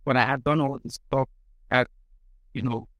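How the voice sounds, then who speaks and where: A man, a podcast guest who speaks in a halting, thoughtful way with many restarts. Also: mid-range voice, fairly even intonation, fairly bright tone, no room sound, rough recording. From Nigeria. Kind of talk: casual interview.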